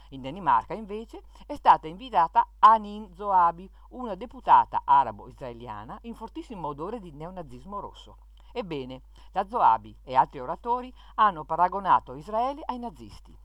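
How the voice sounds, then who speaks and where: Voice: medium pitch, sing-song, moderate pace, fairly bright tone, no room sound. A speaker reading an opinion column aloud in an indignant tone, with sarcastic rhetorical questions. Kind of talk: scripted reading of an opinion piece.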